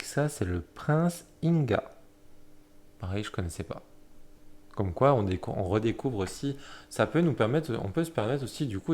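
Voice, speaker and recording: A man with a somewhat low voice walks through a tarot deck card by card. His talk is loose and halting, with frequent fillers and quick corrections. He keeps stopping to admire each card in a soft, plain tone. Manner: hesitant, many fillers and self-corrections; admiring, soft-spoken commentary. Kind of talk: casual deck flip-through.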